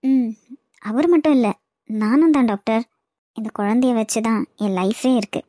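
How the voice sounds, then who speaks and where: A woman voicing a worried young pregnant wife in a cartoon, talking softly and resignedly, with a Kanyakumari Tamil accent. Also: on the high side, normal speed, dry recording, studio quality, close to an everyday voice.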